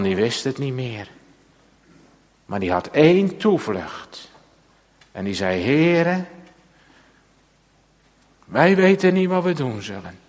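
A man preaching a sermon to his congregation in a slow, solemn way, with long pauses and repeated phrases. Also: on the low side. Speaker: pastor. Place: church. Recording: church hall with long reverb.

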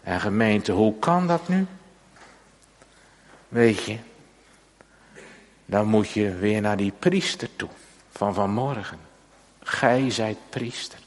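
Slow solemn preacher, low voice. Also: male voice, animated. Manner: slow, solemn preaching with long pauses and repeated phrases. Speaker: pastor. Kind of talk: sermon. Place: church. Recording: church hall with long reverb.

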